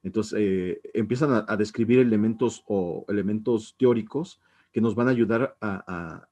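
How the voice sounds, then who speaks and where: In an informal, recorded intro linguistics lecture, the instructor hesitates often, restarting sentences and tacking on tag questions. He has a dark tone and a voice on the low side.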